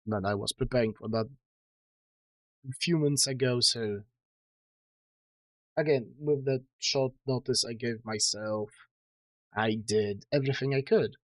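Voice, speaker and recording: A man's voice: medium pitch, a little slow, long pauses, no echo. A man streaming to his chat, sounding tired and strained in the throat, rambling and self-deprecating with lots of fillers and restarts. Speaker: streamer reading his own book. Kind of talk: casual livestream chat.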